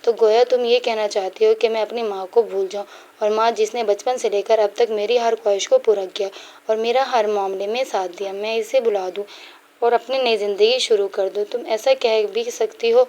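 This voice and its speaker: A woman's voice: a little high, steady tone, warm tone, close to an everyday voice. A woman reading the lines of a grieving, bitter young husband in a storybook tale, her tone harsh and accusing.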